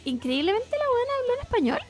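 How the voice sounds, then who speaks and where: A woman's voice: very high-pitched, sing-song, fast, soft background music. A young woman with a Chilean accent co-hosting a podcast, chatting casually in slangy, rambling talk with frequent laughter. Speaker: podcast co-host. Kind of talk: casual chat.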